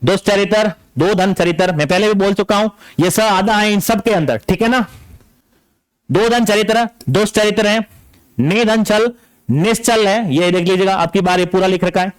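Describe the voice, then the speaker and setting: A man's voice: high-pitched, normal speed, clear, resonant tone, no room sound. A man teaching an exam-prep grammar lesson, stating a rule and then going back over it again and again, with frequent checks like "okay?". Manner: explains a rule, then repeats it with checks like "ठीक है ना".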